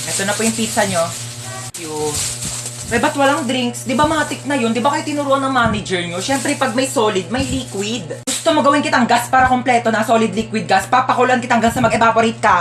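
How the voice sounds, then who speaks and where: A woman's voice: fairly high pitch, fairly quick. A woman acting in comedy skits, scolding and bossing in a playful way.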